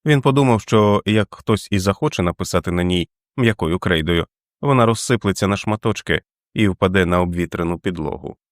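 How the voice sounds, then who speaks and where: Low-voiced male audiobook reader. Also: dry recording, clean studio sound. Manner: steady, measured reading. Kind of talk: scripted narration.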